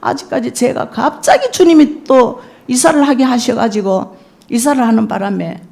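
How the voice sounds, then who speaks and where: Gravelly-voiced older Korean woman preaching. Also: on the high side, expressive, normal speed, a little mellow. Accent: Gyeongsang Korean. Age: 60s. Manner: storytelling, acts out her own prayers, rising to tearful cries. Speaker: evangelist preacher. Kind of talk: sermon testimony.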